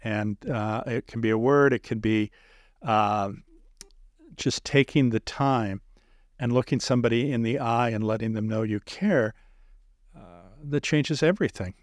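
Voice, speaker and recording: A man hosting an interview, speaking in a measured, earnest way with many pauses and filler sounds. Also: medium pitch, no room sound, studio quality. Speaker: podcast host interviewing a guest. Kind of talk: reflective interview talk.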